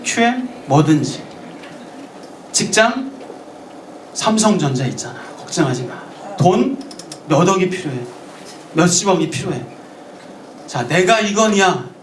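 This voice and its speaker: Korean pastor preaching in an echoey church. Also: male voice, high voice, far from the mic, a little hiss or hum. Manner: acts out quoted lines, asks the congregation questions. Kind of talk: sermon. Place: church sanctuary.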